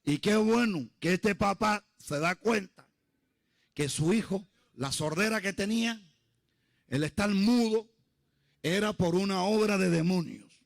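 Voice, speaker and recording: Gravelly high-voiced male preacher. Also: a little slow. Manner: storytelling, emphatic, acts out quotes. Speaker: pastor. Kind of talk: sermon.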